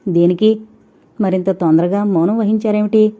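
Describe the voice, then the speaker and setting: A woman's voice: medium pitch, steady tone, normal speed, warm tone, natural voice. A woman voicing a young husband who is possessive and sulky, talking in a coaxing way, on a dull lo-fi recording.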